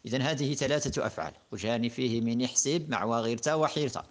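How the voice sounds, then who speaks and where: A man's voice: medium pitch, fast. A man teaching a lesson on verb morphology, methodically working through conjugations one form after another. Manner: methodical, reciting verb conjugations in steady patterns. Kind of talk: classroom lesson explaining a grammar poem.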